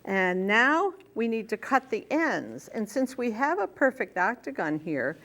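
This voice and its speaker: A woman's voice: on the high side, big pitch swings, measured pace, fairly bright tone. An older woman hosting a quilting show, explaining each step as she works with her hands. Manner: friendly step-by-step explaining, talking while working. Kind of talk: hands-on sewing demonstration.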